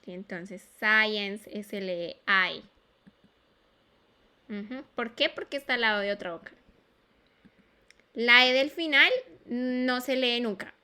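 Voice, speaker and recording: A woman's voice: on the high side, a little slow, long pauses, pushed and bright, clean tone. A woman teaching an English class in Spanish, patiently repeating sounds and checking that students follow. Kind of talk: online class explanation.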